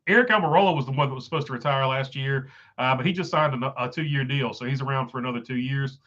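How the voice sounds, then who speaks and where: A man with a stuffed-up nose and a failing voice hosts a casual livestream, rambling through viewer comments with lots of fillers. His pitch is medium, his pace quick, and his tone fairly bright, with lo-fi sound quality.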